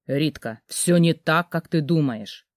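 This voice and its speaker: A woman voicing a young husband who speaks slowly and coaxingly, in an audiobook reading. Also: deep voice, darkish tone, dry recording, clean studio sound. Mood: stern. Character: young husband, calm, coaxing, then cold. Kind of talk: audiobook character voice.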